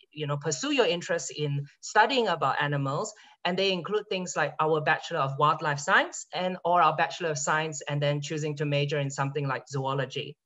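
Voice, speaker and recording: A man's voice: a little high, pushed and bright. A man in his thirties from Singapore, a university lecturer speaking in an online info session, chatty and often restarting his words. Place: home room, indoors, evening. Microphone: video call. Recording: dull lo-fi video call audio.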